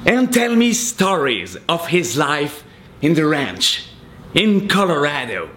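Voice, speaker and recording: Slightly high and sing-song, with a fairly bright tone, a Belgian man speaks slowly as he tells an audience a story that mocks himself. He's a native French speaker with a Belgian French accent, heard in a noisy live storytelling recording.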